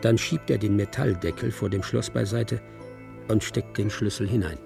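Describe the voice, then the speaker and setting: In this radio drama, a gravelly, fairly low-pitched male voice narrates a film script at a moderate pace. His lines are brief, present-tense observations, delivered with detachment and suspense over underlying music.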